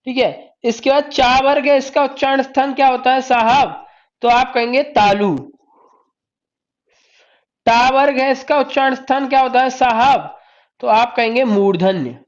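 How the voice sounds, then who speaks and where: Repetitive Hindi tutor, dull lo-fi audio. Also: male voice, very high-pitched, unhurried. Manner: repeats each point and quizzes the class with rhetorical questions; praises students by name, calls them "sahab" and "beta". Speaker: Hindi teacher. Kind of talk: live online exam-prep class.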